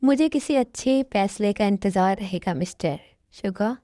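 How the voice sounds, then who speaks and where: A woman's voice: mid-range voice, animated, moderate pace, mellow, no room sound, studio quality, natural voice. A woman voicing a cold, demanding young businessman in an amateur dub, speaking bluntly and commandingly.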